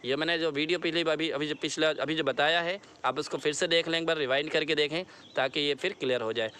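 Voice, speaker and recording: A man with an Indian English accent explaining a grammar lesson, repeating words slowly and checking that his students understand. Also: a little high, steady tone, pushed and bright, slight background noise. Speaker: English teacher.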